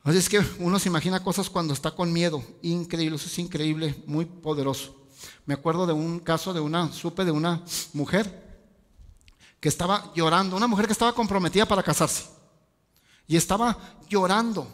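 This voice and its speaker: A man's voice: on the high side, fairly even intonation, fairly quick, fairly bright tone. A male pastor, preaching a sermon with rhetorical questions and casual asides. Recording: long hall reverb.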